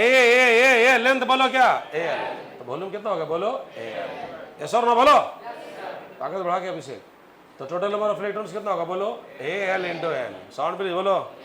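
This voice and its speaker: A man's voice: a little high, fairly bright tone. A man teaching physics, telling a story and quizzing his students. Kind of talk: classroom lecture with storytelling. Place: classroom. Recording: echoey classroom, faint noise.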